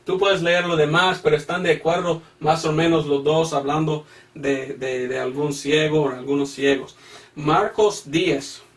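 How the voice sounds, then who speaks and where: A male evangelist with a high voice delivers a Bible-teaching sermon, reading out verses and repeating phrases for emphasis. He poses pointed rhetorical questions to his listeners. He sounds set back from the microphone, at a distance. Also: flat delivery, normal speed. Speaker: evangelist missionary preacher.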